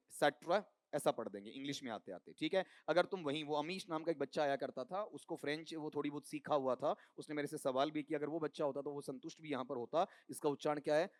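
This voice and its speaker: A man's voice: fairly high pitch, no echo, clean studio sound. A man teaching an exam coaching class, quizzing students with call-and-response questions. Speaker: English teacher.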